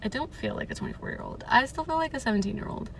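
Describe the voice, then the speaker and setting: Rapid-fire and animated, a twenty-something woman reads a book on a livestream and then rambles on with viewers, full of filler words. Her voice sits high with a fairly bright tone, and there's slight background noise.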